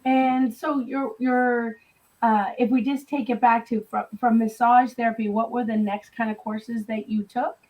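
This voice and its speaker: Enthusiastic woman, fairly high voice, interviewing, slightly dull audio. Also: little pitch movement, a little slow. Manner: upbeat, enthusiastic. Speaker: clinic director interviewing staff.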